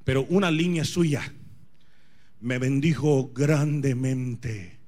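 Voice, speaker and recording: A man's voice: medium pitch, takes it slowly, warm tone. A man in his forties preaching a charismatic sermon as a pastor, speaking Spanish as a second language, emphatic and repetitive, often questioning his listeners. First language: not Spanish. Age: 40s. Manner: emphatic, repeats phrases, questions the congregation.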